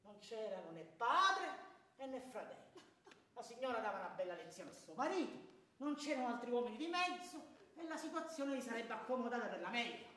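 An amateur stage actor playing Ciampa, a bitter, proud, wronged middle-aged clerk, swinging from hushed to shouting, recorded from afar on an echoey stage. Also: male voice, extremely high pitch, distant mic. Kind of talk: stage theatre performance. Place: theatre stage. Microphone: distant room mic.

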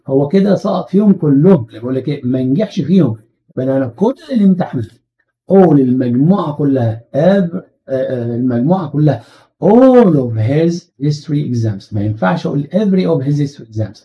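A man with an Egyptian Arabic accent teaching an exam-prep English grammar lesson. He asks rhetorical questions and slows down to stress English phrases. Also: on the high side, dull audio.

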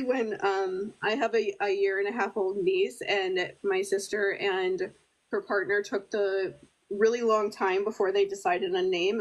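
A woman's voice: mid-range voice, rough recording. A woman co-hosting a podcast in casual chat, giggly and leaning heavily on "like". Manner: giggly, heavy use of "like". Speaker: podcast co-host.

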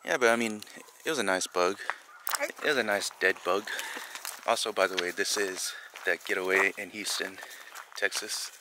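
Lisping young man, low-pitched, chatting casually. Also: moderate pace, background noise. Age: young adult. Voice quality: lisp, slushy s sounds. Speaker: vlogger. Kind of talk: casual vlog chat. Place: outdoors on wooded trails and a campsite.

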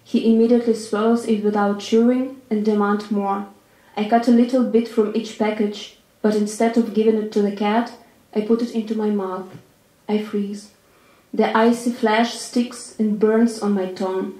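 A writer from Ukraine reads her own prose aloud in a voice, slow and deliberate. Her tone is mellow and her pitch stays flat and even. The room around her gives a noticeable echo. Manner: measured, deliberate reading. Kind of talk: literary reading. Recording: roomy echo.

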